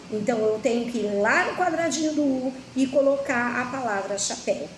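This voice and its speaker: Brazilian woman teacher, slightly high voice, slow and patient with kids, echoey room, faint noise. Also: a little mellow. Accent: Brazilian Portuguese. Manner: slow, patient, asks the class questions. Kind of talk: children's lesson.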